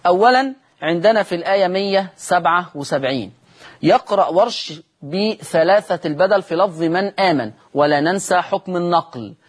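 In a televised lesson, a high-pitched man with an Egyptian Arabic accent teaches Quran recitation. He raises questions aloud and answers them himself, chanting the example words in a slow, drawn-out way.

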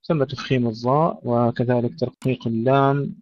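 A man teaching Quran recitation, moving between slow, melodic chanting of verses and brisk explanations of pronunciation. His voice sits at a middle pitch. The recording is dry and dull, lo-fi. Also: little pitch movement, a little mellow, no room sound. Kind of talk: tajweed lesson, recitation then explanation.

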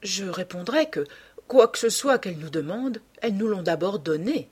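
A woman's voice: mid-range voice, animated, normal speed, husky. A woman reading the part of a passionate, earnest young man in an audiobook, with an ardent, sincere manner.

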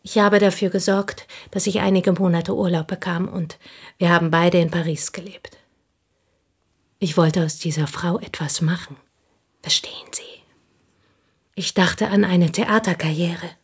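An actress in a German radio drama gives a full character voice to a possessive, intense village schoolteacher who confides deliberately and often sinks toward a whisper. Her lowish voice is steady in tone and slightly rough, and the mood is fervent and urgent.

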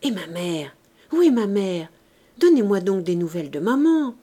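A woman's voice: medium pitch, sing-song, normal speed, mellow. A woman voicing a street-wise young woman who coaxes her father in a childish, wheedling way. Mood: coaxing.

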